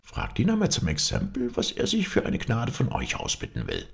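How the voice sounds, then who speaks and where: A man's voice: medium pitch, huge pitch swings, moderate pace, creaky, pitched above the performer's own voice. A man voicing an eager, boastful townsman who keeps pressing his praise. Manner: wheedling, insistent.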